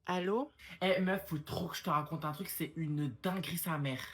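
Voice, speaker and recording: A woman's voice: low voice, normal speed, slightly rough, pitched below the performer's own voice. A woman voicing a dramatic teenage schoolgirl gossiping on the phone with slangy, dramatic talk, in a comedy skit. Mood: excited.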